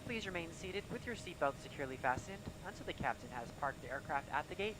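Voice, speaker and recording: A man's voice: animated, quick pace, lightly acted. A man playing a courteous airline crew member, reading a formal scripted cabin announcement. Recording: clear engine rumble behind.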